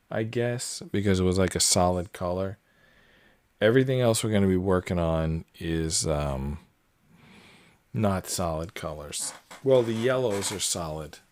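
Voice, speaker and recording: Deep-voiced and relaxed, a puzzle channel host in his late forties rambles through solo commentary as he pieces together a jigsaw, drifting into tangents and using lots of fillers. There's no room sound in the recording.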